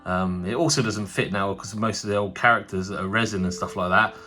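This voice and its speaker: Stuffy-nosed from a cold, a tabletop wargaming channel host chats through a casual unboxing, rambling with frequent fillers and restarts. His voice sits on the low side but is brisk, bright and forceful. Soft music plays in the background.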